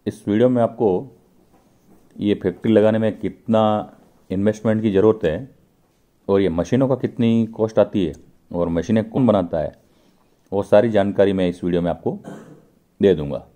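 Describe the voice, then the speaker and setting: A lowish, warm male voice at normal speed, marked by long pauses. He's the host of his own channel, narrating a factory walkthrough vlog from inside a pipe-making workshop and speaking to viewers directly as he explains what he films.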